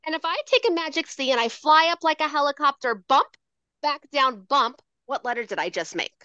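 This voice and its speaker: Woman educator, bright high voice that swoops a lot, playful sing-song teacher delivery, dry slightly dull video-call sound. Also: animated, brisk, no room sound. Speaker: educator demonstrating handwriting. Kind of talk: lively teaching demonstration over video call.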